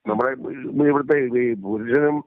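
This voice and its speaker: A man being interviewed speaks emphatically in a casual phone conversation, repeating his points. His medium-pitched voice moves at a moderate pace, with no room sound, over a tinny, dry phone line.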